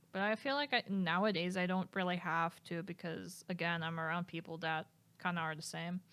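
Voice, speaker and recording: This young streamer works through test questions by reading each aloud, then answering in a loose, unsure way punctuated by giggles. Her voice is mid-range with a clean tone and no room sound, and she labels herself flat and monotone.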